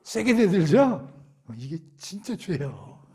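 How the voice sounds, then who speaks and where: A man's voice: high-pitched, big pitch swings, a little slow, mellow, breathy edge. A man giving a Bible study lecture, asking rhetorical questions and answering them himself in a conversational way. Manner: conversational, acts out quotes.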